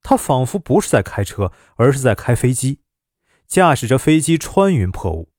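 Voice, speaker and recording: A male narrator tells a story in a dramatic, expressive way, his voice swinging widely and rising and falling through the tense moments. His pitch is in an ordinary middle range and he speaks at normal speed. The recording is dry and close, with no room sound.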